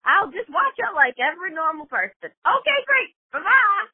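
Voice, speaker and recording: A woman's voice: very high voice, sing-song, normal speed, no room sound. A woman leaving a chatty, rambling voicemail for a podcast, heard as a played-back phone message. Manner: playful, rambling, self-correcting. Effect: voicemail played over a phone line. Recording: dry tinny phone-line audio.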